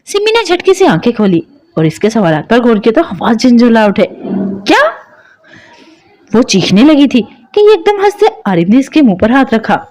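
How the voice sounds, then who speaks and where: A woman narrating a romance novel as an audiobook, in an expressive storytelling manner. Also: fairly high pitch, fairly quick.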